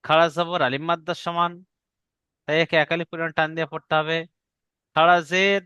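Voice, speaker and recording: A man's voice: fairly high pitch, pushed and bright, clean tone, dry recording, highs cut off. A man teaching Arabic letter reading in a recorded online lesson, patiently drilling the rules, asking learners to repeat after him, and stretching out letter sounds as he recites.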